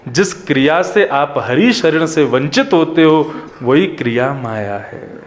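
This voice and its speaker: A man's voice: a little high, lively intonation, slow pace, slight background noise. A man preaching a devotional sermon, emphatic, with wide swings between raised and dropped phrases. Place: religious gathering at a pilgrimage site.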